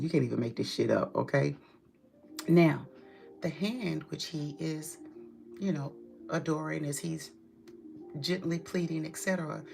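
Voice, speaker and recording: A woman's voice: low-pitched, gravelly, a little mellow, slight background noise. A woman giving a tarot reading straight to her client, direct and emphatic, with casual swearing. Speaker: tarot reader.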